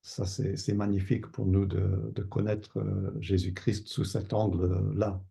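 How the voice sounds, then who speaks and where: Older Canadian pastor, low gravelly voice, unhurried and hesitant interview answers. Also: male voice, flat delivery, warm tone. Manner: thoughtful, hesitant with many fillers and repeated words. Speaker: pastor and Bible teacher.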